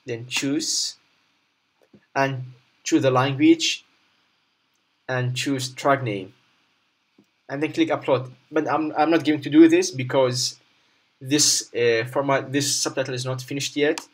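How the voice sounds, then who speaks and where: A man presenting an unscripted screen tutorial step by step, haltingly, often repeating and rephrasing his instructions. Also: mid-range voice, fairly even intonation.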